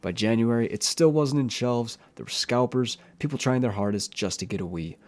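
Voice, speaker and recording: A man's voice: medium pitch, normal speed. A man narrating a true-crime story for his channel, in a plain, earnest retelling with a few opinions of his own. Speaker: YouTube horror storyteller.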